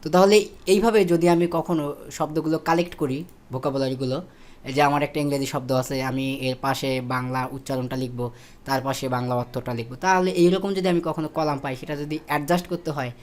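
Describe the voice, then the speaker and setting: A man's voice: fairly high pitch, quick pace. A man, teaching a spreadsheet tutorial step by step, with fillers and self-corrections. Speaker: instructor. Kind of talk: screen-recorded spreadsheet tutorial.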